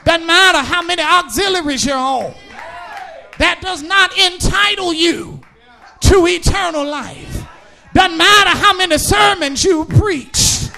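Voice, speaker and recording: A man preaching a sermon, shouting in a sing-song cadence and hammering home repeated phrases. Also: extremely high pitch, measured pace, gravelly, a faint crowd.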